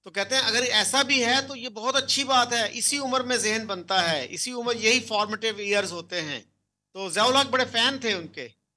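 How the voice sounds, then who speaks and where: A man's voice: very high-pitched, moderate pace, sharp tone. An older man, joining a panel over a video call on a headset, telling anecdotes and slipping English phrases into his talk. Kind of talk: anecdotal chat mixing in English.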